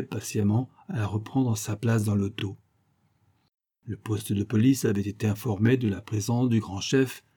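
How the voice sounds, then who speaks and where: Man narrating, dark and husky. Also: on the low side. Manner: measured storytelling. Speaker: audiobook narrator. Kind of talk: scripted narration.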